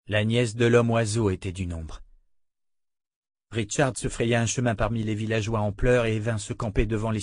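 A man narrating a fantasy novel in measured storytelling style. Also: fairly low pitch, dry recording, studio quality. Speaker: audiobook narrator. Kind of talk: scripted narration.

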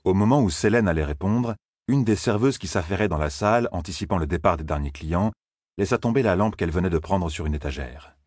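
A man reading a fantasy novel aloud in a measured storytelling manner. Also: deep voice, animated, a little mellow, breathy edge, dry recording, clean studio sound. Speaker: audiobook narrator. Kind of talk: scripted fantasy narration.

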